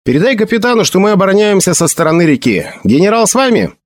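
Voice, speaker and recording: A man's voice: high voice, sing-song, fast, no echo, clean studio sound, voice pushed up. A man voicing a young guard captain barking orders in a night alarm. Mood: commanding. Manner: sharp shouted orders.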